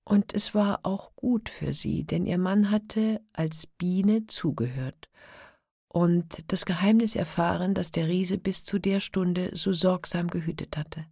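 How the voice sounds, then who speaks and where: Female storyteller, low breathy voice, soft and whispery fairy tale narration. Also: slow pace, no room sound, clean studio sound.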